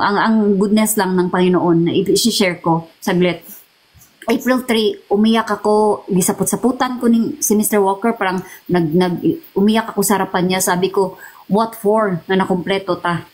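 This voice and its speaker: A middle-aged woman from the Philippines shares an emotional personal testimony in an interview. She talks haltingly, often repeating and restarting words as she mixes in English. Her voice sits at an ordinary pitch. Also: a little mellow, low-quality recording. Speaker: interview guest.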